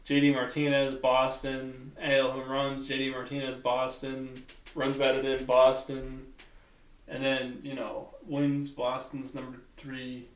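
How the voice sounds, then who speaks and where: A man's voice: medium pitch, completely flat delivery, measured pace. A man co-hosting a casual sports podcast, talking in a laid-back, hesitant way. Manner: laid-back, hesitant, drifts into joking cartoon voices. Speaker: podcast co-host. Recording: echoey room, distant from mic.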